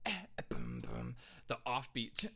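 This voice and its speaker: A male composer giving excitable, casual reaction commentary on music, scatting rhythms out loud to explain them. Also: mid-range voice, takes it slowly, vocal fry.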